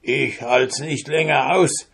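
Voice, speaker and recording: A man voicing a bold, hungry soldier in a fairy tale, loud and boisterous. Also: medium pitch, fairly even intonation, slow, vocal fry, husky, pitched above the performer's own voice, full character voice. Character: bold hungry male soldier, cheeky and fearless.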